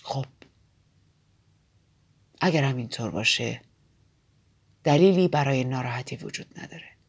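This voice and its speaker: A woman reading an audiobook voices a brooding aristocratic man in a low, soft, often whispered voice. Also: expressive, breathy edge, heavily acted. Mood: calm, musing.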